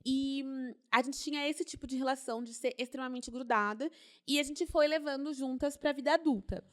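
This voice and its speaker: A young woman chatting casually on a podcast, animated, laughing often and repeating words for emphasis. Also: high-pitched, a little fast. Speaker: podcast co-host.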